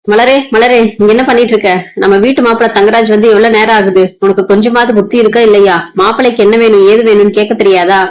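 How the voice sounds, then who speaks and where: A woman's voice: medium pitch, steady tone, fast, hardly any pauses, lightly acted, poor audio. A woman voicing a stern older father-in-law who reproaches his daughter-in-law in a storybook retelling.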